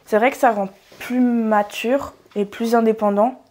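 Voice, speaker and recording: A woman's voice: on the high side, measured pace. Young woman chatting about living abroad. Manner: relaxed, hesitant with fillers. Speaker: interviewee, exchange student. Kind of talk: casual interview chat.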